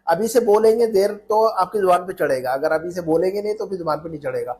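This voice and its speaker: A man's voice: sits high, fast, a little mellow. A man teaching an Arabic lesson in Urdu, repeating phrases and checking that students follow.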